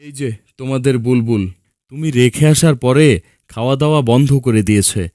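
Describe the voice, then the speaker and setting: Man playing a kind cartoon farm owner, generous, mid-pitched, dry sound. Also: a little fast, darkish tone, no echo, natural voice.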